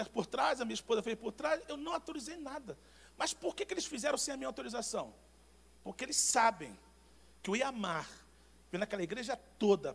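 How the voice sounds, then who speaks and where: A Brazilian man preaching a sermon as pastor, telling personal anecdotes in an animated, emphatic way with repeated words. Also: high voice, vocal fry, husky. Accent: Brazilian Portuguese.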